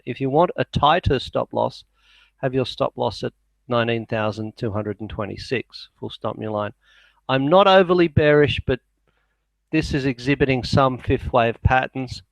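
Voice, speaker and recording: Male, medium pitch, clean resonant tone, dictating market commentary, spoken punctuation that drops in voice, analyst delivery. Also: creaky, dry recording.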